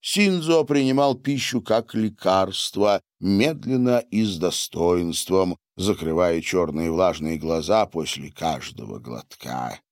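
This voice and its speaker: A man narrating an audiobook in a measured, deadpan way on a close microphone. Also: sits low, no echo.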